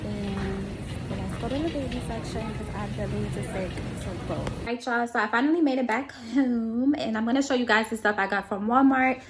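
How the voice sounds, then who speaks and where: A woman's voice: fairly high pitch, a little fast, few pauses, heavy background noise. Chatty young woman from Queens. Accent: New York. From Queens, New York. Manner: chatty and rambling, talks straight to her followers. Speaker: vlogger. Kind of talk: casual shop-along vlog.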